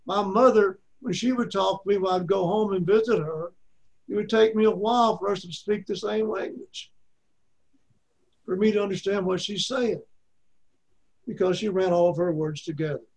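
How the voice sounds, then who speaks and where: A man's voice: sits high, normal speed, darkish tone. A man in his seventies from Arkansas with an Arkansas accent, teaching a Bible class in a folksy way and repeating his points for emphasis.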